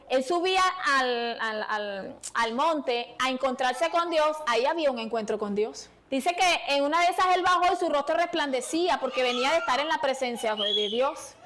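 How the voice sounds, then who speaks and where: A woman's voice: high voice, a bit bright. A woman preacher giving a fervent sermon in a small church, calling out to the congregation and pleading with them.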